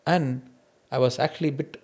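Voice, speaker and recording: An Indian-accented man who speaks English as a second language, his first language being an Indian mother tongue, hosts a podcast and reflects candidly on his own experiences with personal anecdotes. His mid-range voice is steady and somewhat dark, and he talks fairly quickly.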